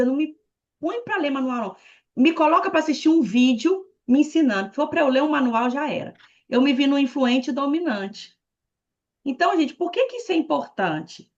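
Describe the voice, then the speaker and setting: A woman's voice: sits high, highs cut off. A Brazilian woman giving a chatty, playful talk on a video call, speaking straight to her listeners. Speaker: guest speaker on leadership.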